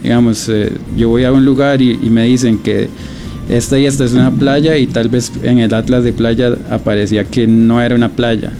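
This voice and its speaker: A Costa Rican man being interviewed about his beach project, speaking thoughtfully with many pauses and restarts. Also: mid-range voice, little pitch movement, music in the background. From Costa Rica. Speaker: guest, beach documentary project creator. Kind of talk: radio interview, casual.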